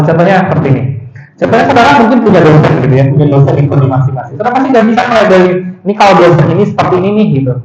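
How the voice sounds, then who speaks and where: A man giving a seminar talk to university students, speaking to them directly with lively, emphatic intonation and frequent casual tag words. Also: on the high side, roomy sound, lo-fi sound, background noise. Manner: addresses audience as "saudara", frequent "gitu" tags, lively emphatic intonation. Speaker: guest lecturer.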